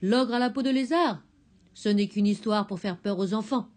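A woman voicing a lively, headstrong little girl in a storybook, eager and bold. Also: medium pitch, normal speed, close to an everyday voice.

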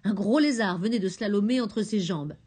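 A woman narrating a children's storybook, expressive and gentle. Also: mid-range voice, normal speed, husky.

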